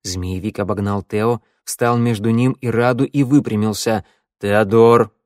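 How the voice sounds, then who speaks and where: A man reading a dark fantasy audiobook in a steady storytelling voice, close to the microphone. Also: lowish voice, normal speed, no echo. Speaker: audiobook narrator. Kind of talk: scripted narration.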